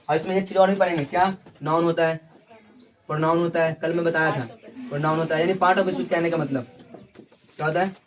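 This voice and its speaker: A man teaching an English lesson in a classroom, repeating key words and checking in with students constantly. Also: on the high side.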